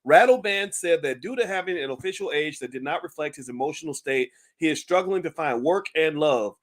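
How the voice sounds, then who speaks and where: A man talks straight to his viewers in a loose, chatty commentary style. His voice sits a little high for a man, and he keeps restarting his sentences, laughing and asking the audience what they think. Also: expressive, brisk. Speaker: channel host. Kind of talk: casual talk-show commentary.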